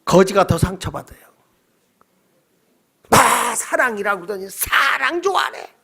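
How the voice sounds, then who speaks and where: A man preaching a night-service sermon in a church, lively and firing questions at the congregation. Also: high voice, a little slow, creaky, husky. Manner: animated, quizzes the congregation. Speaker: pastor.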